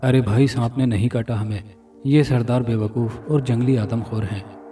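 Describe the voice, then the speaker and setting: A man voicing a frightened young male captive of cannibals, telling his ordeal fearfully, heard from a distance over loud music. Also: mid-range voice, fairly even intonation, moderate pace, lightly acted. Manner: fearful, pleading storytelling.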